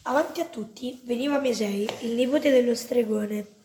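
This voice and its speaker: Donna dalla voce calda che legge. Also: female voice, fairly high pitch, moderate pace, dark tone, a little hiss or hum. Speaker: reader. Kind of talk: reading a story aloud.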